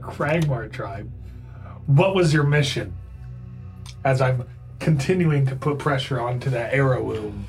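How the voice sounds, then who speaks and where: A man's voice: mid-range voice, lively intonation, measured pace, gravelly, long pauses, a little mellow, faint music behind. A man chatting casually as a player in a tabletop role-playing game.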